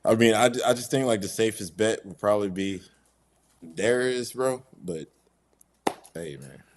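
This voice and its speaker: A man's voice: on the low side, unhurried, slight background noise. A man guesting on a podcast, talking in a laid-back, slangy way. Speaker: wrestler guest. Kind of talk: casual interview chat.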